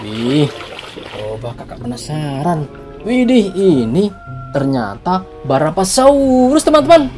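A woman's voice: sits low, big pitch swings, takes it slowly. Casting: female kids' toy video host, very swoopy delivery, playful party-magician exclamations, music behind. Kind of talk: scripted-sounding kids' toy reveal narration with magic-word exclamations.

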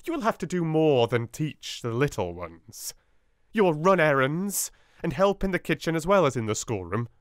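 A man voices a stern, cruel headmistress with a British accent, her words clipped and commanding. The voice swings widely in pitch, and the read is close and dry. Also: sing-song, normal speed, no room sound. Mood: harsh. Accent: British English.

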